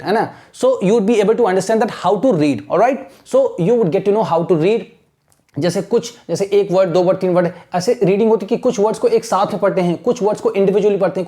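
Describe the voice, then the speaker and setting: A man teaching a lecture in Hindi mixed with Indian-accented English, slowing down deliberately on English lines to model pronunciation. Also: high-pitched, a little mellow. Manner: mixes Hindi and English, repeats "ठीक है ना". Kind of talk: classroom lecture.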